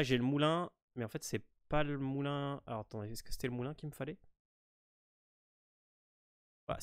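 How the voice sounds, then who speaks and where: In a clean, dry studio recording, a mid-range male voice with a French accent hosts a game walkthrough. He's casual and hesitant, with frequent fillers and restarted sentences.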